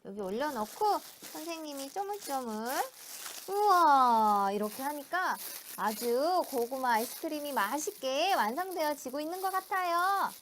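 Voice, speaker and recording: A woman's voice: sits high, lively intonation, normal speed, fairly bright tone, a little hiss or hum. A woman teaching a young child to cook, talking in simple, encouraging, sing-song phrases with playful repeated sound words. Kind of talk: hands-on cooking lesson with a young child.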